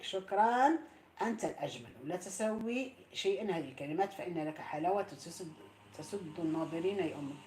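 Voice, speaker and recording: A middle-aged Moroccan woman chatting on a live stream, warmly thanking and blessing her viewers. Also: mid-range voice. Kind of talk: casual live-stream chat. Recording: roomy echo.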